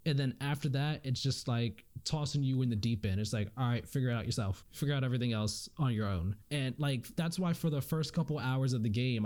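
A man's voice: mid-range voice, darkish tone. A man chatting casually on a podcast, rambling through his opinions with lots of fillers and restarts. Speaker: podcast panelist reviewing a game.

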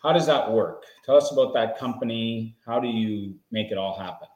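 A man's voice: on the low side, normal speed, a little mellow, highs cut off, slight background noise. Affirming male podcast host, roomy echo. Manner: affirming, short reactions. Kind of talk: interview questions.

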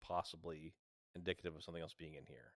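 A man's voice: rumbling low, fairly even intonation, fast talker, no echo, clean studio sound. A man chatting casually as a player in a tabletop game.

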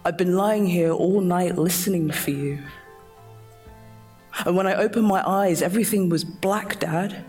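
A man playing a dead young son speaking to his father in a hushed, intimate spoken-word monologue. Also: high voice, unhurried, soft background music. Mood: haunted. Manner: intimate, hushed, keeps saying "Dad".

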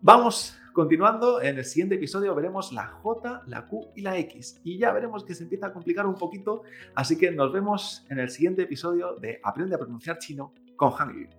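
A man's voice: high-pitched, expressive, brisk, a bit bright, soft background music. A man, a Chinese teacher, giving a pronunciation lesson, drawing out model syllables and checking in with "¿eh?". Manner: addresses the listener directly, prompting repetition.

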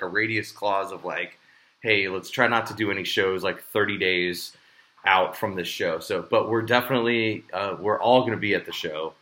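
Male podcast host, bright lowish voice, rambling casual delivery. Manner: rambling, with many fillers and restarts. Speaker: podcast host and show promoter. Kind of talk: casual chat.

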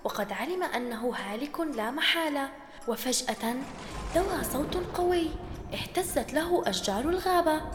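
A woman narrating a children's story as host, in a gentle, expressive storytelling manner. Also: sits high, moderate pace, noisy background. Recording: roomy reverb, long echo, soft music bed. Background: faint background music.

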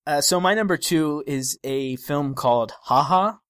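A man's voice: fairly high pitch, unhurried, a bit bright, clear, resonant tone, no echo. A man co-hosting a film podcast in casual chat, often trailing off and searching for the right words. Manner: hesitant, searching for words, stretched-out phrases.

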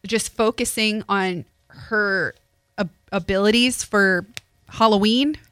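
A woman co-hosting a radio show, talking in an animated, chatty way and laughing easily. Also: mid-range voice, slow, smooth, dry recording. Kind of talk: casual chat. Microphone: studio mic.

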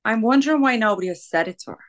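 A woman's voice: on the high side, expressive, rapid-fire. An Irish woman co-hosting a podcast, chatting casually in a blunt, sweary way with an Irish accent. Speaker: podcast co-host. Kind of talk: casual gossip chat.

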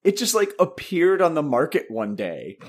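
Husky, animated podcast host. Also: male voice, a little high, normal speed. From Massachusetts. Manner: animated, laughs often, swears. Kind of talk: casual chat.

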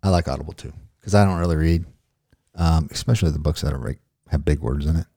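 A man's voice: a bass voice, fast talker, dark tone, breathy edge, no echo, studio quality. A middle-aged man hosting a podcast in casual chat, rambling and joking off on tangents. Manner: rambling, jokey, goes off on tangents. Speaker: podcast host.

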